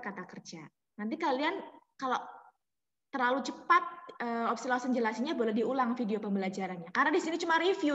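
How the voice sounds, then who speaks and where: A woman's voice: on the high side, sharp tone. A young woman teaching Mandarin on a video call, explaining in Indonesian mixed with Mandarin and quizzing her students. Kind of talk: online class teaching. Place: home room on a video call. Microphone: video call mic. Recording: echoey room with long reverb.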